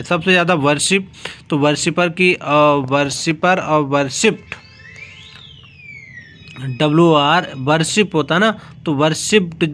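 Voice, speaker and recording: A male teacher giving an exam-prep grammar lesson, explaining slowly and repeating himself, spelling out letter by letter. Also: a little high, fairly bright tone, a little hiss or hum. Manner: slow, repetitive explaining, spelling words out letter by letter.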